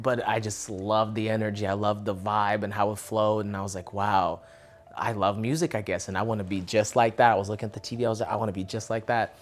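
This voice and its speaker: A young man from Russia, a musician, talking casually in an interview, relaxed and rambling with lots of fillers. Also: on the low side.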